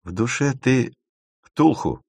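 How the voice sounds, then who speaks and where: A man's voice: medium pitch, lively intonation, moderate pace, no echo, voice pushed up, natural voice. Man playing a sarcastic young girl. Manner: sarcastic, dismissive.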